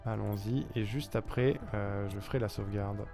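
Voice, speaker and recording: A man's voice: lowish voice, fairly even intonation, moderate pace, gravelly, dark tone, soft background music. A man with an Auvergne accent hosting a casual live stream, joking and reading chat messages aloud. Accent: Auvergne French. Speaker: streamer host.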